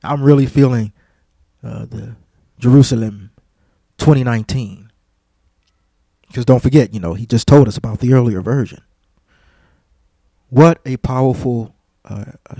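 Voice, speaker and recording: A man hosting a radio show, giving a heartfelt, devout on-air tribute, halting often with fillers and repeated words. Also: mid-range voice, no echo. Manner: warm, devout and effusive.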